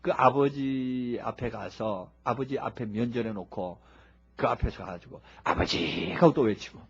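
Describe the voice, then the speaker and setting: A man preaching a sermon in a lively, humorous way, acting out people who shout as they pray. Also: mid-range voice, normal speed, husky. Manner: animated, humorous, acts out shouting worshippers. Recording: dull lo-fi recording.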